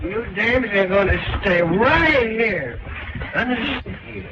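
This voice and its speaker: A man's voice: sits high, animated, takes it slowly, noisy background, heavily acted. A man acting in a stagey old movie manner as a pushy, leering, slangy roadhouse drunk in an early talkie. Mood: leering, bullying. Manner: slangy, cocky, bullying. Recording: dull 1929 film soundtrack, loud music.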